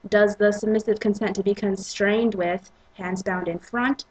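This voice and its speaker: Female narrator, breathy and husky, dramatic reading of romance fiction. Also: mid-range voice, steady tone, measured pace, rough recording. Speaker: reader and narrator.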